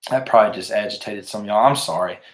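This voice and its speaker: A man's voice: on the low side, fast. A man hosting a livestream giveaway, talking casually and directly to viewers and often repeating himself. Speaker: livestream host. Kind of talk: casual live giveaway announcing. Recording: echoey room.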